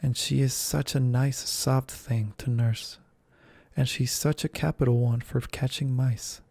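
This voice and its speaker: An earnest, chatty young girl, polite and eager to please, as a man reading a storybook softly puts her on. The voice stays low-key and mellow with a gravelly texture. It is a whispered role-play, dry and close to the mic. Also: fairly even intonation, unhurried, dry recording. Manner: earnest, eager, soft-spoken.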